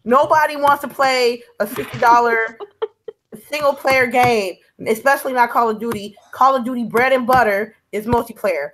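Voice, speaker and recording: A woman's voice: fairly high pitch, moderate pace, a bit bright, slight background noise, rough recording. A woman hosting a casual gaming podcast over a call, talking in an enthusiastic, slangy way. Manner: enthusiastic, slangy gamer talk. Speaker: podcast host.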